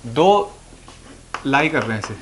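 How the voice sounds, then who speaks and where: A man's voice: medium pitch, animated, unhurried, noisy background. A man teaching physics to students, explaining patiently and answering his own questions as he goes. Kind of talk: classroom lecture. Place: classroom or room with a board.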